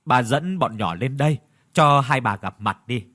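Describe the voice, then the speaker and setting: A man's voice: medium pitch, animated, measured pace, sharp tone. A man voicing a deferential middle-aged head maid in an audio story, answering politely.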